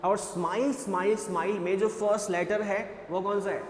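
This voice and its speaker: A man's voice: high-pitched, steady tone, normal speed, reverberant, long reverb tail, a little hiss or hum. A male English teacher with an Indian accent lecturing on a poem, switching between Hindi and English and repeating phrases as he explains.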